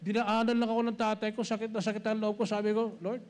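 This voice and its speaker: High-voiced Filipino preacher. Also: male voice, monotone, quick pace, clean tone. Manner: switches between Tagalog and English, addresses listeners as brothers and sisters. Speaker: pastor. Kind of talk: sermon.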